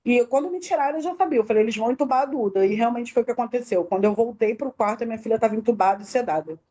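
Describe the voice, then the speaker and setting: Woman, middle-aged, fairly high voice, warm and mellow, detailed emotional testimony, acts out quoted dialogue. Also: racing, dull audio. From Brazil. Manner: tells the story in detail, acting out quoted dialogue. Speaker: interview guest, bereaved mother.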